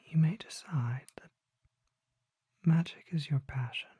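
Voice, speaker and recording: In a hushed, breathy whisper, an ASMR performer portrays a solemn, gentle, mysterious vampire apothecary, choosing formal words and delivering them deliberately. The mid-range voice is captured in a dry, studio-quality recording.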